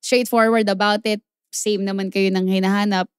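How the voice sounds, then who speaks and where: A Filipino woman co-hosting a casual podcast, switching between Tagalog and English in a joking, expressive, playfully exasperated way. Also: mid-range voice, a little fast, smooth, no echo, studio quality. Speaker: podcast co-host.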